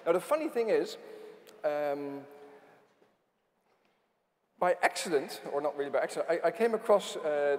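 Male host, stumbling repetitions, slightly raised pitch, reverberant hall. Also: a little mellow. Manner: halting, with many repeated words. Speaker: conference host. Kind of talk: conference remarks. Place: large conference hall stage.

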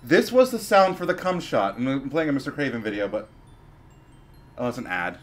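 A man playing a game on stream, cracking crude jokes in casual commentary and sometimes bursting into shouts. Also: mid-range voice, very animated, moderate pace. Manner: crude joking, sudden shouted outbursts. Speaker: let's play streamer.

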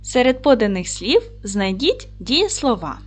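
A woman gives a video lesson to young schoolchildren. Her pitch moves a lot, and she speaks clearly and slowly with encouraging praise. Faint music plays underneath. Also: very animated. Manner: clear, slow, encouraging classroom delivery. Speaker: primary school teacher.

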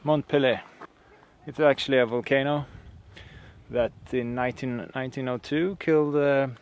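Brief: male vlog host, casual explainer, medium pitch, outdoors with loud background noise. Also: steady tone, moderate pace, dull audio. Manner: explains while searching for words. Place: outdoors on a volcano hike. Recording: noisy outdoor recording.

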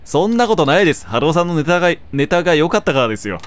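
A man voicing a shy, polite teenage girl idol who stammers softly, reading along while playing. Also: a little high, big pitch swings, racing, slight background noise. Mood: earnest. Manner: soft, polite, hesitant stammer.

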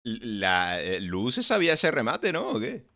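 A man with a Spanish accent from Spain making casual, quick remarks as he reacts to a stand-up clip. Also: mid-range voice, huge pitch swings, sharp tone, a little hiss or hum.

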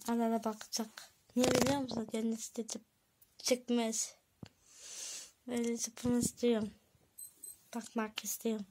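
A woman vlogging casually to her viewers, chatty and excitable, giggling often. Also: fairly high pitch, husky. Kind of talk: casual vlog chat to viewers.

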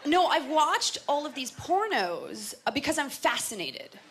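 A woman's voice: high voice, big pitch swings, measured pace, slight background noise. A young woman doing a stand-up comedy set, chatty and self-mocking, acting out bits in put-on voices. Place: comedy club stage. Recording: live club with loud crowd laughter. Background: audience laughing.

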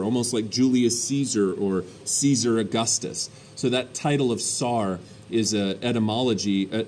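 A man delivers a history lesson in a loose, conversational way, filling pauses with plenty of ums and uhs. His voice sits at an ordinary middle pitch. A faint hum of room ambience runs under the recording. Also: a little mellow. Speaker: history teacher. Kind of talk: recorded classroom lecture.

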